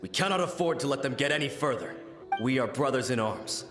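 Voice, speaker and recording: Man acting a resolute samurai soldier, formal, declamatory, lively intonation, anime game, roomy echo. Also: medium pitch, fairly quick, natural voice. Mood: grave, determined. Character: loyal, valiant male samurai soldier, reverent and resolute. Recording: roomy echo, music underneath.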